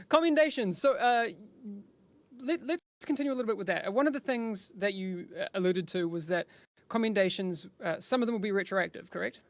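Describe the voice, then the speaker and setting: A chatty male host running a live-streamed studio interview. His voice carries a gravelly fry, and he often restarts his sentences before checking facts with his guests. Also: high-pitched, brisk, no room sound. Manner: chatty and rambling, with frequent restarts. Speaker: livestream host interviewing developers.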